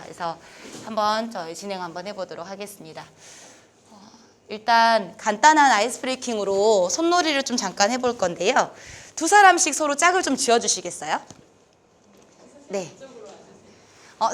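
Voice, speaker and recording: A woman instructor leading a training class, upbeat and encouraging as she guides the group step by step through a game. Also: fairly high pitch. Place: lecture room with adjustable lights.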